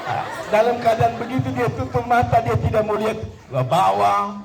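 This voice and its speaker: A man's voice: high voice, moderate pace, gravelly. A pastor with a Kupang Malay accent, telling a comic story in a sermon and calling out to his listeners. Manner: animated, calls out to the listeners. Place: large hall with an audience. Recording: echoey hall, distant mic, crowd noise.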